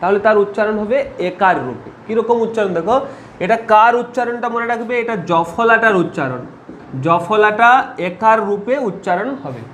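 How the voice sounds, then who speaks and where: High-voiced man teaching pronunciation rules. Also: fairly bright tone, echoey room, a little hiss or hum. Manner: asks rhetorical questions, repeats rules slowly for dictation. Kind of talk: spelling and pronunciation lesson.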